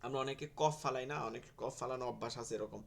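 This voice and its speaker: A man teaching Arabic letter sounds in an online class, slowly repeating each sound for his students. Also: medium pitch, vocal fry, fairly bright tone. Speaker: Quran teacher. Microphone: video call.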